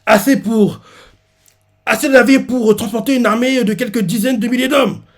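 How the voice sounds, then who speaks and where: A man voicing an urgent, breathless army messenger who shouts his reports. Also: very high-pitched, moderate pace, voice pushed up.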